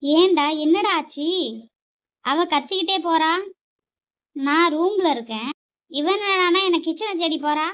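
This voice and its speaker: A young woman voicing a worried mother who questions her grown son in slow, probing tones. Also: very high voice. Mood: concerned, questioning. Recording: dull lo-fi recording.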